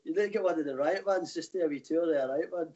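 A man's voice: a little high, quick pace, dull audio, crowd noise. A man from the Glasgow area with a broad Glaswegian accent, telling anecdotes in loose, colloquial, rambling chat. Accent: broad Glaswegian Scottish. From Glasgow area, Scotland. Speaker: guest, tour operator. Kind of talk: casual chat.

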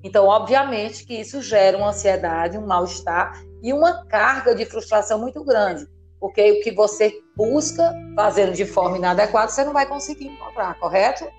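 Brief: emphatic Brazilian woman therapist in interview, animated explainer, faint music underneath. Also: mid-range voice, brisk. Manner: animated, emphatic, asks listener "entendeu?" often. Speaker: therapist guest.

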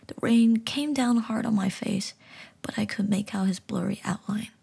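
A woman's voice: mid-range voice, steady tone, moderate pace, vocal fry, warm tone, husky. A woman narrating a first-person horror story entirely in a whisper. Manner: whispering throughout.

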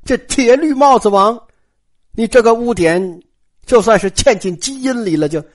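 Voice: medium pitch, normal speed. A storyteller, telling a classic tale in colloquial style with asides to the listeners. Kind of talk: traditional oral storytelling.

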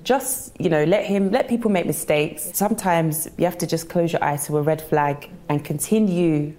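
A woman's voice: low-pitched, normal speed, mellow. A woman from the UK giving casual dating advice in a chatty, laughing way in a video clip.

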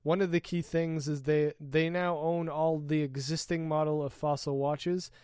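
A man co-hosting a casual tech podcast, opinionated, explaining at length and trailing off quietly at the ends of points. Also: on the high side, little pitch movement, normal speed, clear, resonant tone. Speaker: podcast co-host.

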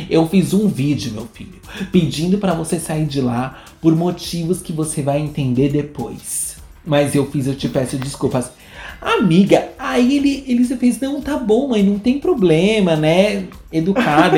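A man's voice: a little high, roomy sound. A man with a Brazilian Portuguese accent, chatting casually as a podcast co-host and acting out the people in his stories. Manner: animated storyteller acting out quoted voices. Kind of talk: casual gossip chat.

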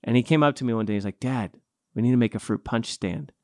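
A man's voice: mid-range voice, fast, no room sound, studio quality. A man hosting a casual faith conversation, easygoing and affirming, telling anecdotes about his son.

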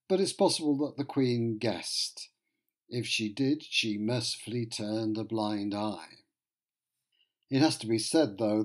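A man narrating history from a script, in a wry, conversational storytelling manner with joking asides. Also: medium pitch.

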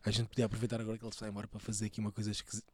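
A man's voice: fairly low pitch, completely flat delivery, rapid-fire. A man joining casual podcast banter. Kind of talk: casual chat.

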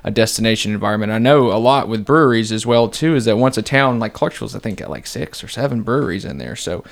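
Man, podcast host, gravelly, casual, rambling. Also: lowish voice, lively intonation, fast. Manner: laid-back, rambling with many fillers. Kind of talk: casual interview chat.

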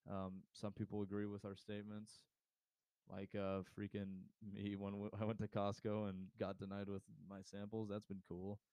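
A man's voice: on the low side, monotone, moderate pace, warm tone, clean tone, no room sound. A young man co-hosting a casual podcast, rambling with frequent laughs and restarts. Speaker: podcast co-host.

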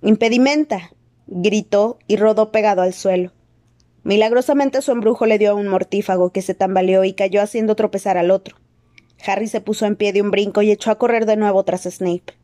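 A woman reading a novel aloud as an audiobook narrator, in steady, dramatic scripted narration. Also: mid-range voice, fairly quick.

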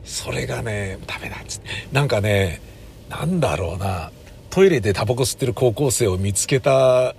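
A man's voice: medium pitch, lively intonation, normal speed, vocal fry, a little mellow, slight background noise. Wistful man telling stage memories. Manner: wistful storyteller who acts out quoted lines. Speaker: stage actor. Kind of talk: casual spoken reminiscence.

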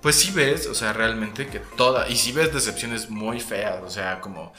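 Mexican guy hosting a chill interview, bright forward voice, lots of "o sea", roomy echo. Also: lowish voice, unhurried, faint music behind. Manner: chatty, full of fillers, acts out quotes. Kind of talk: casual conversational interview.

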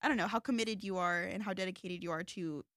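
A woman's voice: mid-range voice, fast, a bit bright, dry recording, studio quality. A young woman in her twenties hosting a casual chat, bubbly and chatty, laughing often. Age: 20s. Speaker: host.

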